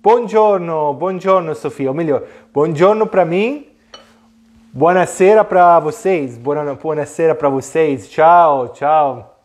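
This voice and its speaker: Male online cooking host, native Italian with Italian accent, thirties, slightly high voice, chatty and hesitant, casual teaching. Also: takes it slowly, a little mellow. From Italy. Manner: chatty and hesitant, mixing Italian greetings into talk. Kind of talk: casual live cooking lesson. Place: home kitchen, indoors. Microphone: clip-on lapel mic.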